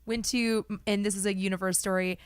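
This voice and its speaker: A woman's voice: mid-range voice, fairly even intonation, brisk, background noise. A young woman from Wisconsin telling a chatty story in a casual conversation. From Wisconsin, United States. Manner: chatty, laughs between phrases.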